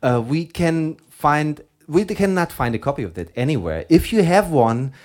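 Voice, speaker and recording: A man's voice: on the high side, sing-song, moderate pace, darkish tone. A man with a German accent, co-hosting a record show in a casual, rambling, chuckling chat. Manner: rambling, self-deprecating, chuckling. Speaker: radio show co-host.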